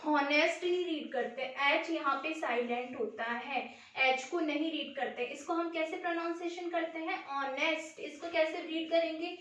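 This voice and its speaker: A woman teacher takes a class through a grammar lesson in a high voice. She is patient, saying words over slowly and answering her own questions. The recording rings with heavy room echo. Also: steady tone, fairly bright tone. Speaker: school teacher. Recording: very echoey room.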